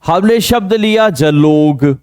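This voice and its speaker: Slow, deliberate coaching-class teacher man. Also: fairly high pitch, animated, darkish tone, clean tone, no room sound, clean studio sound. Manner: drills pronunciation with repeated questions to students. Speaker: Hindi grammar teacher. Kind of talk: exam coaching lesson.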